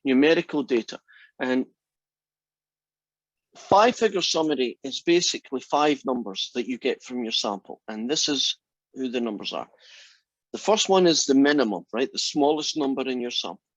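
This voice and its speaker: A man in his sixties teaches a math class online in a mid-range, expressive voice at a moderate pace, chatty and friendly, often checking in with "right?" He's on a computer mic during a video call, and the lo-fi call audio sounds dry and dull, with no echo.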